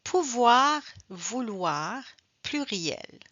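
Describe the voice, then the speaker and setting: A woman teaching French pronunciation, repeating each sound and word slowly and explaining in both French and English. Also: on the high side, big pitch swings, fairly bright tone, dry recording. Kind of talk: slow bilingual pronunciation lesson. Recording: dull, slightly lo-fi dry recording.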